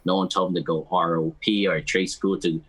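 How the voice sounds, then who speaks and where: Male podcast guest, low voice, conversational, repeats himself while finding words. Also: level tone, a bit bright, breathy edge. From United States, Cambodian American community. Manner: halting, often repeats words as he goes. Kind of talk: casual interview chat, mixing Khmer and English.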